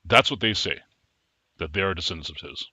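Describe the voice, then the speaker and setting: A man co-hosting a casual chat show, chatty and quick to laugh. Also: low voice, husky, no room sound. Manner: laughs often, chatty and animated. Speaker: podcast co-host. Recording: dull lo-fi sound.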